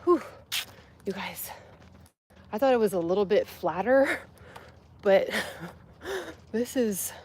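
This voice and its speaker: A woman's voice: medium pitch, darkish tone, slight background noise. Woman vlogging while hiking, breathing hard. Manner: chatty, filler-heavy, greets viewers. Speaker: fitness vlogger. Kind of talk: casual livestream chat while hiking. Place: outdoors on a steep hill walk.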